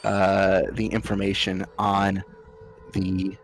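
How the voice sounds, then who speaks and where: A man narrating a tabletop game as game master, halting and descriptive as he improvises. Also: low-pitched, monotone, soft background music.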